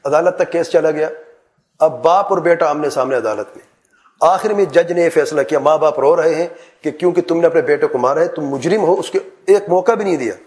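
A man's voice: a little high, darkish tone. A middle-aged man preaching a sermon, giving earnest advice with rhetorical questions and repeated lists. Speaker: Islamic preacher.

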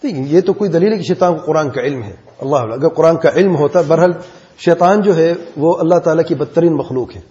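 A man's voice: fairly high pitch, dark tone. A man teaching a class, explaining patiently and encouraging his students. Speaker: religious teacher. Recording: dull audio in a reverberant hall.

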